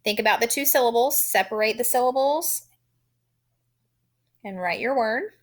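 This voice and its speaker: A woman teaching a phonics lesson, sounding out letters and syllables in a deliberate, encouraging way. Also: a little high.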